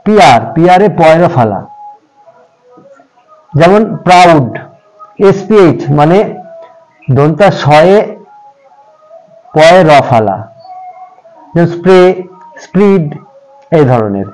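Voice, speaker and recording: Male tutor, fairly high voice with very animated pitch, patient and repetitive delivery for beginners. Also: rough recording. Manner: patient, addresses viewers as friends, repeats examples slowly. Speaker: English teacher. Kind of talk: pronunciation lesson for beginners.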